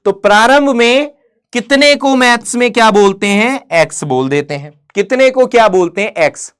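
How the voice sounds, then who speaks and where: A woman teaching an exam-prep maths lesson. She fires questions at her students, answers them herself, calls them "beta" and "mere bhai", and reads English problem text slowly before restating it. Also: on the high side, lively intonation, smooth. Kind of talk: online exam-prep lecture.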